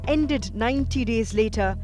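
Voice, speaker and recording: Measured male documentary narrator over music. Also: very high-pitched. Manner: measured, even delivery. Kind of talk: scripted news narration.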